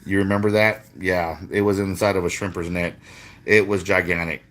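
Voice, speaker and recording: A man's voice: low voice, fairly even intonation, normal speed, fairly bright tone. A middle-aged man, a fishing guide chatting casually on a live stream, rambling and swearing freely with many restarts.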